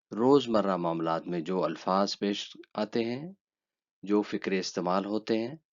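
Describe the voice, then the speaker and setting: A man with an Urdu accent teaching a language lesson, calmly saying each letter twice. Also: on the low side. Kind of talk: slow spoken lesson. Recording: dull lo-fi sound.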